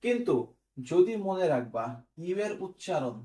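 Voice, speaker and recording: Here a man with a high, very animated voice and a dark tone speaks at normal speed while teaching English grammar. It's a recorded online class where he explains step by step, asks quiz questions, and frequently checks "clear?"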